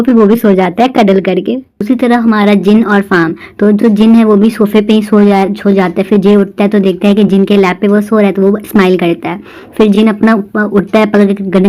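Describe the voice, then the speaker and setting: A woman's voice: medium pitch, a little mellow, rough recording. A woman casually retelling a drama episode, voicing each character's lines in quotes. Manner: retells each scene in quoted lines, plain conversational delivery. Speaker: drama recap narrator. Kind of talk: casual storytelling recap.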